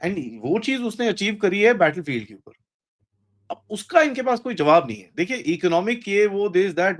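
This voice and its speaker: A man with an Indian accent giving an animated political analysis, mixing in English phrases and acting out quoted speech. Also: sits high. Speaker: guest analyst. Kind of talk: casual political discussion.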